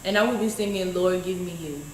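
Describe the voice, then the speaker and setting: A woman's voice: fairly low pitch, a little fast, darkish tone, a little hiss or hum. A teenage girl, a student singer, introduces herself briefly and plainly from a stage. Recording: distant, echoey room.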